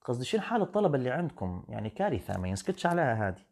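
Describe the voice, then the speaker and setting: A man's voice: mid-range voice, vocal fry, darkish tone. A man, an English teacher talking on a live stream, firm and lecturing, slipping into English now and then. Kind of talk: live-stream talk answering comments.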